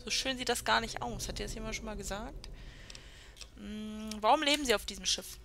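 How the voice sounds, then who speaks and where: A woman's voice: fairly high pitch, a little fast, vocal fry, fairly bright tone, slight background noise. A woman hosting a let's play, chatting sarcastically while reading the game's dialogue aloud. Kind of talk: gameplay commentary.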